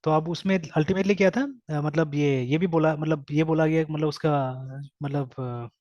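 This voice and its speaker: A programming instructor with a fairly high, a little mellow voice gives a live coding lecture at a slightly slow pace and fairly even intonation. He mixes Hindi and English, repeats his points and constantly says "okay" and "theek hai" while explaining step by step. The lo-fi mic sounds dull and dry.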